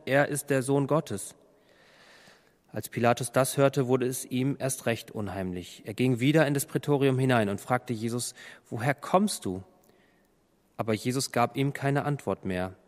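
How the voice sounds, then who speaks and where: A man's voice: medium pitch, moderate pace, big-room sound. A man reading a Bible passage aloud and then commenting on it as a preacher.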